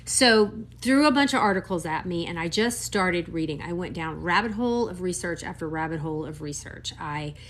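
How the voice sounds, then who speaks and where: Fifties woman doctor chatting to camera, kinda low voice, emphatic, lots of quick asides. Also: expressive, a little hiss or hum. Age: 50s. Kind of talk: casual talk to camera.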